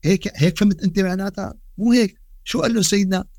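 A man with a Levantine Arabic accent giving a religious podcast lesson, animated and full of rhetorical questions, with Quran quotes woven into his dialect. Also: high-pitched, very fast, no room sound, studio quality. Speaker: Islamic lecturer.

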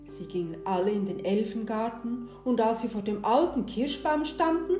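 A woman reading a fairy tale aloud in a gentle, expressive way, in a roomy space with soft guitar behind. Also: on the high side, moderate pace. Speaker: storyteller.

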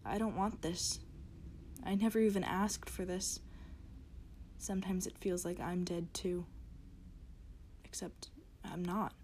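A woman's voice: on the low side, fairly even intonation, slow pace, long pauses, a little hiss or hum. Woman reading as a frightened diary writer, whispering. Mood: fearful. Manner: hushed, whispering narration. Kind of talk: reading horror fiction. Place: closet.

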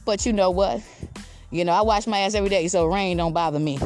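A woman's voice: lowish voice, fast talker, a little mellow, soft background music. A woman podcast host calling out from her backyard, ranting casually in a brash, defiant, profane way. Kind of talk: casual rant with rhymed boasts. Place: outdoors in a backyard.

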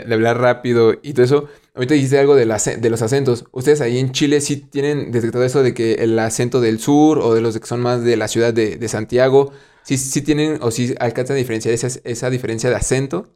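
A man with a Mexican accent hosting a podcast, asking long rambling questions in a relaxed, slangy way. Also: medium pitch, brisk. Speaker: podcast host. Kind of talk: casual chat.

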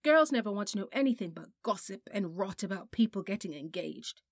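A woman's voice: mid-range voice, animated, a little fast, dry recording, clean studio sound. A woman voicing a stubborn, curious young boy who argues eagerly and insistently in a storybook reading. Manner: insistent and eager, rising to heated.

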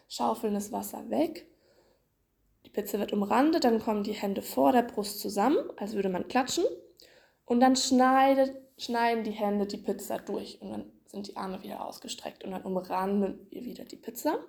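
Fairly high and mellow, with a husky quality and vocal fry, a woman's voice carries this laid-back podcast. She describes swimming exercises for children through playful pictures and frequent fillers.

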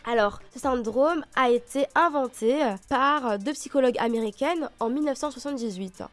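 A woman's voice: high voice, moderate pace, faint music behind. A woman hosting a personal podcast in monologue, answering questions, with a lisp that makes her s sound slushy. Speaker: podcast host. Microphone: own microphone with homemade pop filter.

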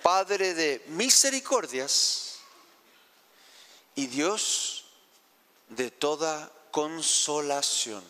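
A Chilean pastor preaching a heartfelt sermon, asking the congregation questions. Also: male voice, on the high side, expressive, very slow, long pauses, sharp tone, long reverb tail. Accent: Chilean Spanish. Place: church sanctuary.

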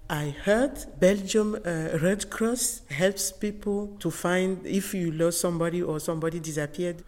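Middle-aged woman, Togolese accent, unhurried and halting interviewee, lowish voice, long room reverb. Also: darkish tone. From Togo. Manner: halting, non-native English phrasing. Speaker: interviewed photographer. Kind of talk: personal recollection in an interview. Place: indoors in an exhibition gallery with long reverb.

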